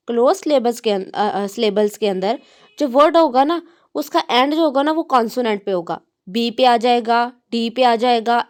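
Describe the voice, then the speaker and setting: A woman teaching English to learners, patiently explaining and drawing out example words slowly while mixing English terms into her speech. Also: on the high side. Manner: mixes English terms into Hindi-Urdu speech. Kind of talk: classroom explanation.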